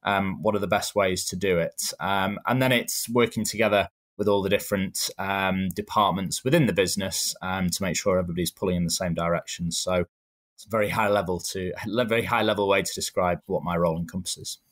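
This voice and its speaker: A man in his thirties with a Manchester accent, answering interview questions in a measured, explanatory way with frequent ums. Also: sits low, fairly even intonation, fairly bright tone. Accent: Manchester English. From England. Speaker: guest.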